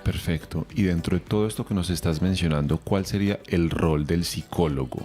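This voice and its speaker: Very deep, dark-voiced male host. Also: soft background music. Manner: formal, measured questions. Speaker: podcast host, interviewer. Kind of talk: radio podcast interview.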